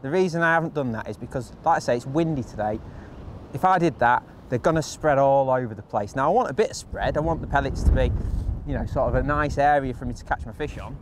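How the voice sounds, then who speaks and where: Casting note: male angler-host, mid-pitched voice, chatty hands-on how-to delivery, outdoors with faint background noise. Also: fast. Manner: practical, chatty step-by-step explaining. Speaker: angler demonstrating fishing rigs, channel host. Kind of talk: instructional how-to talk. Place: outdoors by a lake on a windy day.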